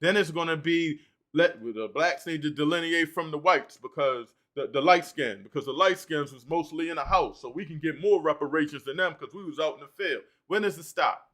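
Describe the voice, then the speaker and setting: Male stream host, bright and fairly high voice, works through the chat out loud. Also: brisk. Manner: animated, reads out and answers chat comments. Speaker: livestream host. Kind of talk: livestream talk reading chat comments.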